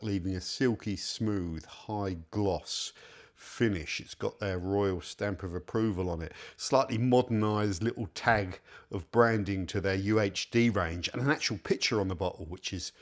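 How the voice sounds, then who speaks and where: A man giving a casual car-care product review, reading labels aloud with wry asides. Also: lowish voice.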